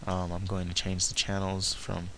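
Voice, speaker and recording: A man narrating a software tutorial step by step, haltingly talking through each action as he does it. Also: sits low, monotone, slight background noise. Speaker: tutorial presenter.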